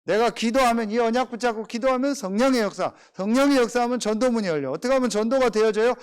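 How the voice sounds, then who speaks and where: A man's voice: very high-pitched, fast, clear, resonant tone. A middle-aged male pastor preaching a sermon, telling everyday stories and repeatedly firing rhetorical questions at the congregation. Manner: animated, rhetorical questions, storytelling.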